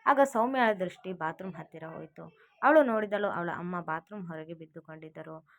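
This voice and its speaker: Female storyteller with a fairly low, steady voice for a family tale. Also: a little fast. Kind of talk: scripted narration of a family story.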